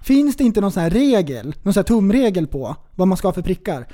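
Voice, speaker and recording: A man with a high and very lively voice co-hosts a relaxed podcast. He talks eagerly, pitching odd questions and playfully refusing to go along with his partner. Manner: eager, animated, protests playfully. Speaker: podcast co-host. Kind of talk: casual chat.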